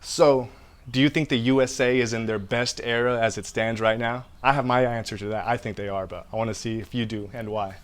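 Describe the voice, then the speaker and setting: A man's voice: medium pitch, fairly even intonation, fairly quick, smooth. A man hosting a casual interview, laid-back and affirming as he asks questions. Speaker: podcast host.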